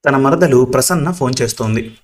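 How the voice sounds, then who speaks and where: Male storybook narrator, steady and even, mid pitch, serial audio story. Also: a little fast.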